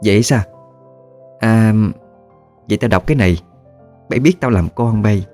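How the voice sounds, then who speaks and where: A man voicing a gruff, teasing old woman ghost with a Southern Vietnamese accent and a blunt, folksy manner. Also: on the low side, normal speed, a little mellow, faint music behind, lightly acted.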